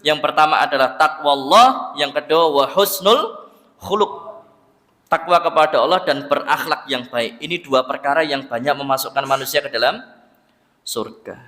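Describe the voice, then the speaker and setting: A man's voice: fairly high pitch, normal speed. A man with a Javanese accent preaching in a mosque, telling a story animatedly and acting out its voices. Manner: animated, acts out voices in the story, addresses listeners as "Pak". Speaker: Islamic preacher. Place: mosque hall. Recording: reverberant mosque hall.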